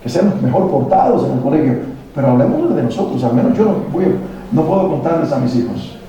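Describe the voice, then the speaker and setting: Male speaker for a parenting workshop: very warm dark voice, lecturing with rhetorical questions, boomy hall sound, mic set back. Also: sing-song, brisk, dull audio. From Latin America. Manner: preachy, poses rhetorical questions to the audience. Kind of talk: motivational talk to parents. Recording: very echoey hall, mic at a distance, faint noise.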